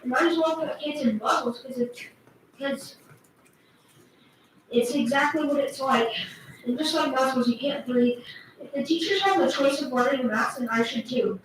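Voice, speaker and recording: A young girl reads her plea at a school board meeting, her voice high and earnest with simple, halting phrasing. She sits well back from the microphone in a boomy meeting hall, and a faint hiss sits underneath. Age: child, final year of elementary school. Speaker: student giving public comment. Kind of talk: public comment speech. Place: large meeting room. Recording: echoey room, far from mic, faint noise.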